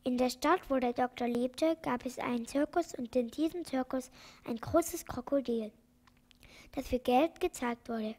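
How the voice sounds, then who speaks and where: A woman reading a children's book aloud as an audiobook, in an even storytelling manner. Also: high voice, unhurried. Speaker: audiobook reader.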